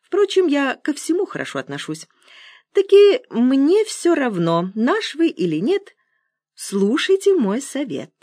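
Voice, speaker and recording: A woman's voice: sits high, huge pitch swings, a little slow, darkish tone, no room sound, studio quality, pitched above the performer's own voice, exaggerated voice. A woman voicing a fussy, talkative old man who keeps dropping a little verbal tic into every phrase. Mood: confiding. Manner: peppers every phrase with "таки".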